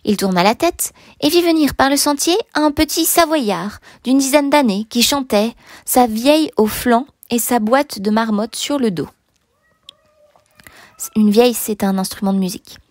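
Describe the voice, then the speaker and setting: A woman narrating a classic novel in a measured, expressive reading that sometimes sinks to a near whisper. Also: a little high, no echo. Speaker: audiobook narrator.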